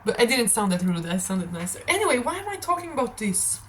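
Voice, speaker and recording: With a slightly high, a little raspy voice, a young woman who isn't a native English speaker talks fast while hosting a tarot reading, wandering through stories in a lively, unfocused monologue. A bit of hiss or hum sits under the audio.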